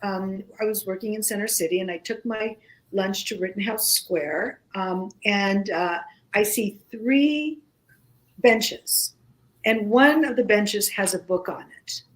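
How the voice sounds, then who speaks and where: In a rough recording, a woman with Greek as her first language talks as a guest on an informal radio show. Her mid-range voice moves slowly and haltingly, broken by many pauses and restarts.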